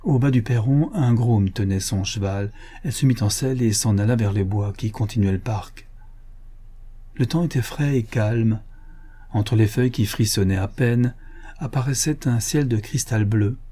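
Husky, mellow male audiobook narrator. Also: on the low side, normal speed.

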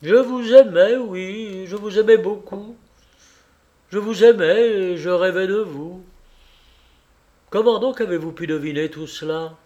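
A man reading as an eager, excitable teenage boy. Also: a little high, measured pace, lo-fi sound, natural voice.

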